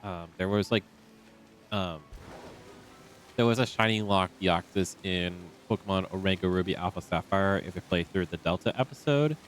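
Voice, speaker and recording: A young man casually streams a game, chatting to himself in a loose, meandering way full of fillers. His voice sits low and moves at a normal speed.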